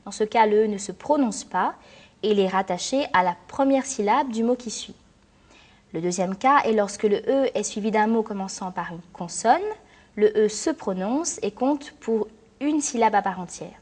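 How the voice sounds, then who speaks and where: A woman teacher narrating a scripted lesson in a clear, measured, explanatory way. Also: medium pitch, a little mellow. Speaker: French teacher.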